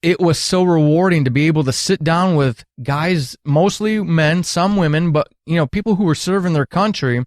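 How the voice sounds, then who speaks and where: This podcast guest is a retired military counselor, a middle-aged man who shares frank, heartfelt stories at length and stresses his words. He talks at a normal speed with hardly any pauses in a somewhat high voice, recorded dry in a clean studio.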